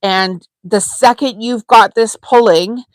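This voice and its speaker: A woman's voice: fairly high pitch, takes it slowly, no echo, low-quality recording. A woman hosting a live sewing tutorial, talking casually and chattily with frequent ums as she works. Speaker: sewing channel host.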